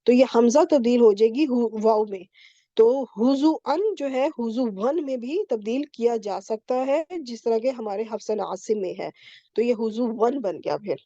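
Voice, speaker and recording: A woman's voice: fairly high pitch, warm tone, no room sound, highs cut off. A woman teaching Quranic Arabic grammar in an online class, explaining patiently step by step and checking in often with her students. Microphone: computer mic on a video call.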